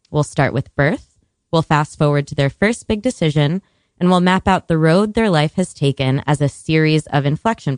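A woman's voice: sits low, no room sound, studio quality. A woman hosting a conversational radio show in an informal, chatty way.

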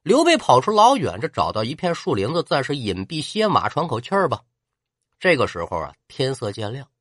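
A man's voice: mid-range voice, brisk, no room sound. Guy doing pingshu storytelling, voice swoops all over, dry close sound. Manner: lively, asides to the listener, erhua.

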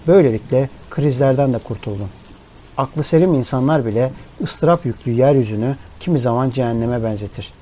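A man reading a first-person literary story aloud in a measured, grave narrating voice. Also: medium pitch, warm tone. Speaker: audiobook narrator. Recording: rain and thunder ambience under voice. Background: rain and thunderstorm sound bed.

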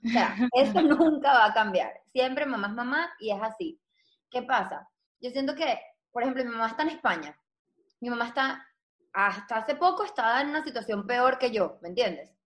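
A woman, chatting casually with friends and telling animated stories. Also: on the high side, moderate pace. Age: 20s. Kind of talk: casual chat among friends.

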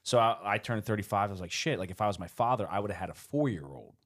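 A man in his thirties talks in a relaxed, rambling way on a casual podcast. His voice sits on the low side, and he laughs often between thoughts. He swears easily and backtracks mid-sentence. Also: fast. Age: 30s. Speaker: podcast co-host. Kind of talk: casual chat.

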